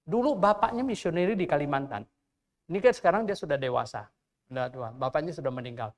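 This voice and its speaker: An older man, a pastor, preaching a Sunday sermon in church in a conversational, storytelling way full of rhetorical questions. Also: high voice. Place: church during a Sunday service.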